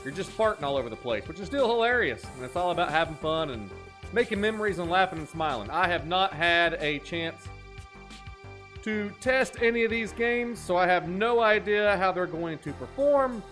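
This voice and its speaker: A man in his thirties hosting a live gaming stream, jokey and hype, greeting chat and dropping into deep mock-spooky asides. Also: animated, normal speed. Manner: hypey, jokey, shouts catchphrases, drops into a deep mock-spooky voice. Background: faint game music.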